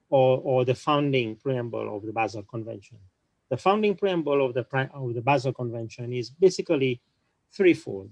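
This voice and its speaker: A man speaking on a conference panel, explaining at a measured pace and often restarting his sentences. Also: medium pitch, darkish tone, no room sound, rough recording. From small island nation.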